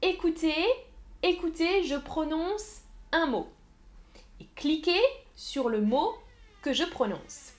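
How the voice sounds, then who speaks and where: A woman teaching French on a live stream, speaking slowly and clearly, repeating words and answering viewers in the chat. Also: high-pitched. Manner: slow, clear teacherly delivery with repetitions. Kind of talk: live-stream language lesson.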